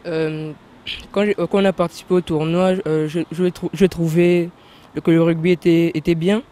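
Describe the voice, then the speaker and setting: A man answering as a rugby player in short, hesitant, soft-spoken replies. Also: on the high side, little pitch movement, moderate pace. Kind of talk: casual interview answers.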